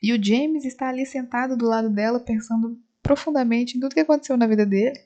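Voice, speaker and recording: Fresh from the cinema, a woman who reviews films sits at home and walks her channel through the plot scene by scene, voicing the characters as she goes. She talks fast in a mellow, rather high voice, captured in slightly dull lo-fi sound.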